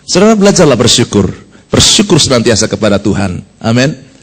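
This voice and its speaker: A man's voice: mid-range voice, brisk. A man preaching a sermon to his congregation, telling stories with acted-out voices and sound effects and humorous asides to the listeners. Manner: animated storytelling, often addresses listeners as "saudara". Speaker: pastor. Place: church service.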